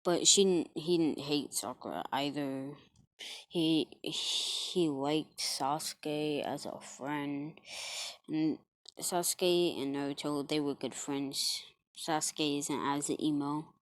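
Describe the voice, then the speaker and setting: A woman rambling through an improvised fan story, halting and correcting herself with fillers and apologies. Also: low voice, fairly even intonation, dry recording.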